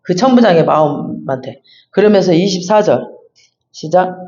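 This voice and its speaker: Male pastor, high voice, chatty emphatic Bible teaching, echoey muffled church recording. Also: lively intonation, moderate pace, crowd noise. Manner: conversational, emphatic, reads verses then explains. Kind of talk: expository Bible sermon. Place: church sanctuary. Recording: echoey, dull church sound.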